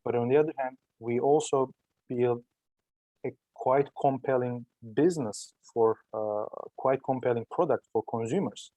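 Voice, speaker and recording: Turkish accent guy being interviewed, soft mellow voice, dry close sound, explains stuff and rewords as he goes. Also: medium pitch, normal speed, no room sound, lo-fi sound. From Turkey. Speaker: startup entrepreneur being interviewed. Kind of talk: conversational interview answers.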